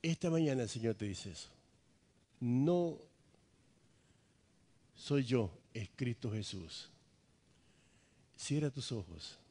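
A man's voice: medium pitch, lively intonation, takes it slowly, long pauses, warm tone, slightly rough. A male pastor preaching an impassioned sermon in repetitive phrases, then leading a fervent prayer aloud.

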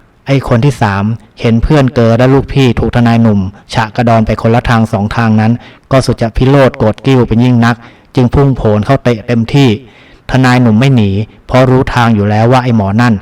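A man narrating a novel as an audiobook, with steady, dramatic storytelling. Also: medium pitch, fast talker.

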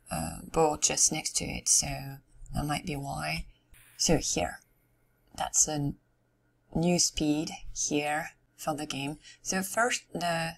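A woman giving casual game commentary, musing aloud to herself in a somewhat hoarse voice, as if losing it. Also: sits low. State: losing her voice. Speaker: gamer narrating her game. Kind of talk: casual let's-play commentary.

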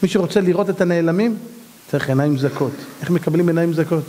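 A man, a rabbi, preaching a sermon, telling stories in an animated way and acting out the voices of the people in them. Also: on the high side.

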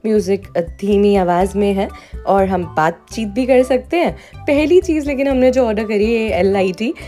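Background music accompanies a woman's easygoing cafe review voice-over, delivered in a blend of Hindi and English. She's a vlogger with a mellow, mid-range voice and a moderate pace.

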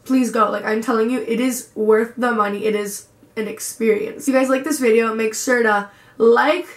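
A woman's voice: fairly high pitch, fairly even intonation, moderate pace, echoey room. A young woman vlogger telling a story in a gushing way and saying "like" a lot. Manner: gushing, lots of "like". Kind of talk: casual vlog storytelling.

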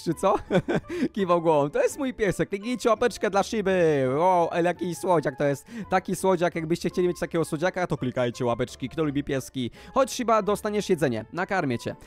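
A man playing out a Minecraft role-play as a YouTuber, talking excitedly and exclaiming to his viewers. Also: high voice, a little fast, faint music behind. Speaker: gaming YouTuber.

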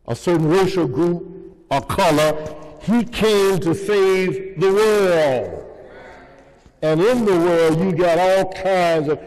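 A slightly high, darkish male voice belongs to an older pastor giving a slow sermon through a pulpit microphone. He keeps questioning his congregation call-and-response style, and the vast sanctuary adds a long, church-hall reverb.

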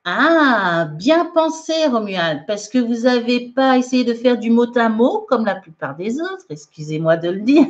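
A Frenchwoman teaches English in a live online lesson, reading viewers' comments aloud and correcting them chattily, laughing often and mixing French and English. Her voice is a little high and a little mellow, over dull lo-fi livestream audio.

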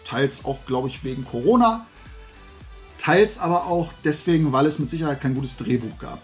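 Hosting a casual show from a desk in a small room at home, a man in his forties with a fairly high-pitched voice delivers an animated, colloquial rant of opinions at a moderate pace. Music plays behind him.

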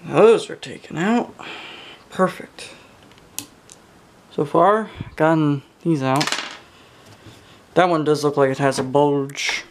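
Indoors at a workbench, a young hobbyist repairer gives casual hands-on commentary, muttering to himself with exclamations and casual swearing. His voice is fairly high and slow, he pauses often, and there's slight background noise.

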